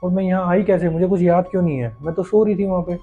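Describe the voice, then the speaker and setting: A man playing a confused young wife in a spoken horror story, her voice pitched up and anxious. She sounds lost and uneasy, with faint music underneath. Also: steady tone, fast talker, slightly rough, phone-quality sound. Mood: bewildered. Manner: anxious, bewildered.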